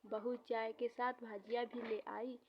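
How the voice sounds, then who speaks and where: A woman narrating a family story slowly and steadily, lightly voicing the mother-in-law and the daughter-in-law in their exchanges. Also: fairly high pitch, little pitch movement, dull audio, a little hiss or hum.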